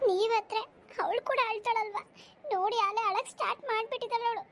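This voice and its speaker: Lady doing a sweet young wife in a cartoon, super high girlish voice, always calming everyone down. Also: quick pace. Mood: consoling. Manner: soothing, consoling. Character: gentle caring young wife, soothing. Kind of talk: cartoon voice acting.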